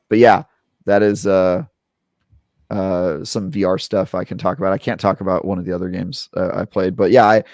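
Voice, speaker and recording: A young adult man chats on a gaming podcast in a low voice, and the close mic gives it a dry, intimate sound. He rambles happily, doubling back on his words and leaning on fillers as he works up to the good parts. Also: no echo. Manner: rambling, filler-heavy, animated retelling. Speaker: podcast co-host, game reviewer. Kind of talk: casual podcast chat.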